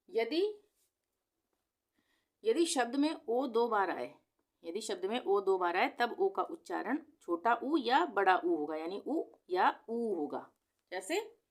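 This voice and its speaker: A woman teaching pronunciation rules in Hindi, patiently repeating each rule and asking her viewers rhetorical questions. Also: mid-range voice.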